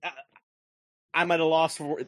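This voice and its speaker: A man co-hosting a casual movie review podcast, retelling a plot with profane, excitable energy. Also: normal speed, dry recording, studio quality. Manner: profane, excitable storytelling with big pitch swings. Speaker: podcast co-host.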